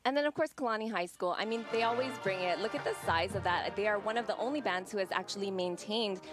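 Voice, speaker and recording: A woman's voice: mid-range voice, fast talker. A woman giving casual, enthusiastic, conversational commentary as a co-commentator on a live broadcast. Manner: upbeat, enthusiastic. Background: music.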